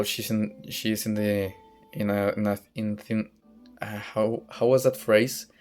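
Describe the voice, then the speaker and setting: A young man from northern Mexico, a native Spanish speaker with a Mexican accent, is a vlogger practicing English, talking casually about himself outdoors in sunlight. His voice is fairly low, a little mellow and smooth, and he hesitates often, pausing to search for words and restarting frequently.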